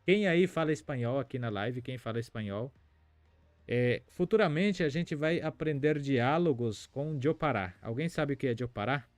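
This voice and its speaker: A man's voice: medium pitch, animated, normal speed, no room sound, soft background music. A man from Paraguay, whose first language is Spanish, teaching a Guarani lesson on a live stream in a chatty way, reading out viewer comments and thinking aloud with many fillers.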